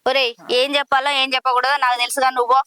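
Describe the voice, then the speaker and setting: A woman's voice: sits high, flat delivery, rapid-fire, sharp tone, smooth, no room sound. A middle-aged woman with a Telangana Telugu accent playing a village mother who scolds, fusses and reassures her son. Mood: scolding. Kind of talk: village drama acting.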